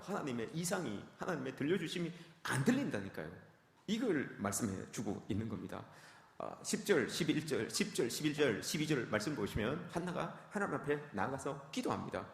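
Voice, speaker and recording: Male pastor, emphatic sermon delivery, quick and animated, in an echoey sanctuary. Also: medium pitch, vocal fry. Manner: emphatic, repetitive preaching, addressing the congregation often.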